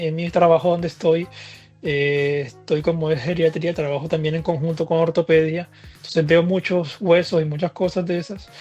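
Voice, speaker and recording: Man telling a story, lo-fi sound. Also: on the high side. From Latin America. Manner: relaxed, chatty, frequent fillers and restarts. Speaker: guest physician. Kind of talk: casual storytelling interview.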